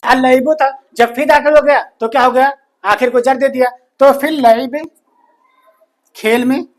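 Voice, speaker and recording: A man teaching a grammar lesson, slowly repeating each phrase and answering his own questions. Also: extremely high pitch, steady tone. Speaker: Arabic teacher.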